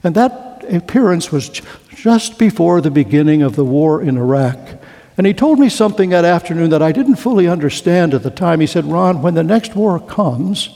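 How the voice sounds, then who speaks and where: A man giving a storytelling history lecture, deliberate and slowing to a hush on key lines. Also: a little high, lively intonation. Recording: long hall reverb.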